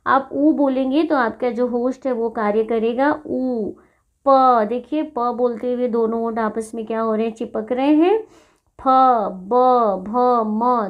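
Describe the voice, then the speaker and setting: A woman teacher explaining a lesson slowly and patiently, repeating each sound so pupils can copy it. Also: a little high, highs cut off.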